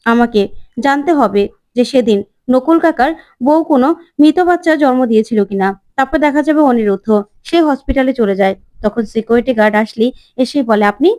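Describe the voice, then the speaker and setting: A woman's voice: on the high side, a little fast, a little mellow. A woman narrator retelling a TV serial episode in a plain style, linking scenes with repeated phrases.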